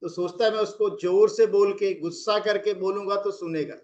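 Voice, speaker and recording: Middle-aged male relationship coach, high voice, conversational advice with acted-out examples. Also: fairly even intonation, moderate pace, darkish tone, muffled recording. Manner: explains with acted examples of angry phrasing. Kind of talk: casual advice talk.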